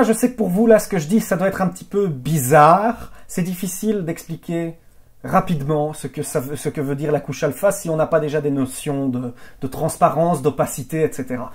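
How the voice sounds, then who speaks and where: A man explaining editing software settings in a tutorial, halting often with fillers and restarts and checking in with viewers. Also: on the high side. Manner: addresses viewers directly with check-in questions. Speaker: video editing trainer. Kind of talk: screen-recorded software tutorial.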